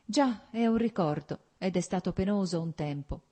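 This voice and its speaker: A woman reading an audiobook voices a calm, gentle young woman who speaks plainly and mildly. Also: fairly low pitch, moderate pace, voice pushed up, natural voice.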